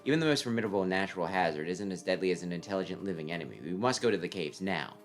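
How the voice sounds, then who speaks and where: A man voicing a grave, calculating young strategist from a game script in formal, measured counsel. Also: low-pitched, lively intonation, faint music behind, voice pushed down. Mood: grave, urgent. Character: grave, calculating young army strategist advising his commander. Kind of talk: game script read aloud.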